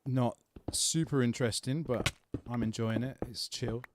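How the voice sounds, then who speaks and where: A man's voice: mid-range voice, steady tone, normal speed, noisy background. A man with a London accent chatting casually on a gaming livestream, answering viewer questions in a laid-back way. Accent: London English. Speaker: gaming streamer.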